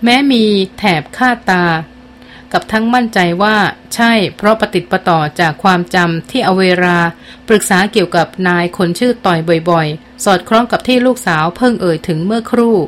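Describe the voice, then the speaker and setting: Female audiobook narrator, mid-pitched, steady novel reading, faint background hiss. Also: normal speed.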